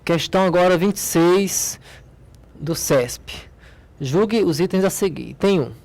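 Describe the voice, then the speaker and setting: A woman with a lowish voice teaches a logic class in a Brazilian accent. She walks through each exercise patiently, pointing at the page and asking her own questions before answering them. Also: a little slow, darkish tone. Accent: Brazilian Portuguese. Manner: explains step by step, asks and answers own questions, frequent "né?" and "ó". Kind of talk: recorded logic lesson.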